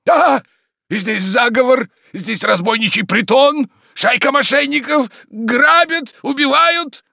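A man voicing a coarse, bullying middle-aged man who shouts insults and accusations. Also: very high voice, slow pace, gravelly, dry recording, studio quality, pitched above the performer's own voice, exaggerated voice. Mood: yelling.

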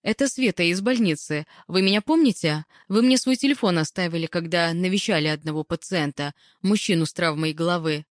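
A woman's voice: lowish voice, brisk, few pauses, no room sound, clean studio sound, close to an everyday voice. A woman voicing a timid young female hospital nurse who talks hesitantly and apologetically.

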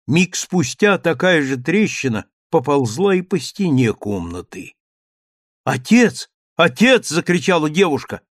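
A man reading a story aloud in steady audiobook narration. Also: mid-range voice, dry recording, clean studio sound.

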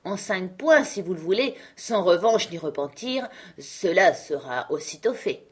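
Woman reading ironic mocking uncle, emphatic, low husky voice, storybook reading. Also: animated, measured pace. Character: witty, mocking uncle who fights a duel.

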